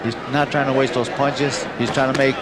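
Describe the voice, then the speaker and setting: A man's voice: mid-range voice, flat delivery, brisk. Male fight commentator in noisy arena. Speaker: boxing commentator. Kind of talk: live sports commentary, calling punches. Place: ringside at a boxing arena. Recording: loud arena crowd, heavy background noise.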